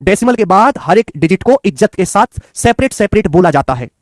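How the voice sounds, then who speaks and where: A man's voice: high-pitched, sing-song, fairly quick, dry recording. A man teaches math in an exam-prep lecture. He coaxes his students, calling them children and friends, and goes over each step again and again. The sound is close and dry. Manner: coaxing, repetitive, addresses students as children and friends.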